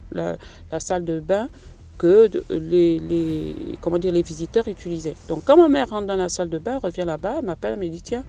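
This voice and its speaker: A woman's voice: on the low side, creaky, warm tone. A middle-aged woman tells a personal story in a hesitant, conversational way, full of fillers and restarts. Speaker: storyteller sharing a personal testimony. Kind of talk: casual spoken testimony.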